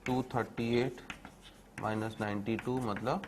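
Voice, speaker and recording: A man teaching chemistry to a class, dictating notes slowly and checking in with students. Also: lowish voice, steady tone, noisy background. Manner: repeats phrases slowly for dictation, keeps asking "theek hai na"; calls students "beta", explains step by step.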